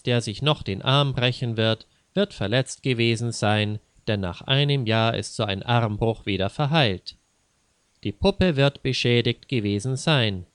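A man narrates a scripted learners' story in a calm, measured way. His voice is smooth and resonant, at an ordinary pitch. The recording is close and dry. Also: no echo. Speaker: language teacher and storyteller.

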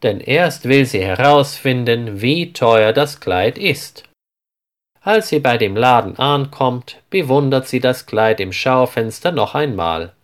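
A man reading a story aloud as narrator, in a clear, deliberate scripted style. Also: medium pitch, animated.

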